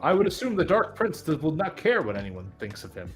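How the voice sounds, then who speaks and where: Guy doing a loyal talking dog for a tabletop game, kinda high voice, super formal n earnest, music behind. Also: huge pitch swings, a little fast. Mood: solemn, devoted. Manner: stilted, formal, solemn phrasing. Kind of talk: improvised tabletop role-play.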